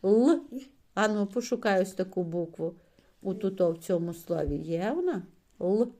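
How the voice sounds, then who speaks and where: A woman's voice: on the low side, lively intonation, normal speed, warm tone. A woman teacher giving a patient one-on-one reading lesson to a child, coaxing and praising often and stretching out letter sounds.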